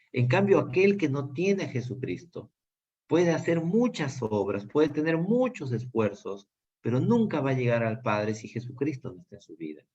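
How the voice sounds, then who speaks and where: A man's voice: mid-range voice, a little mellow, husky. Earnest Peruvian man teaching Bible class. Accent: Peruvian Spanish. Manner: earnest, many fillers and restarts. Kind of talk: Bible study lesson. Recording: dull lo-fi sound.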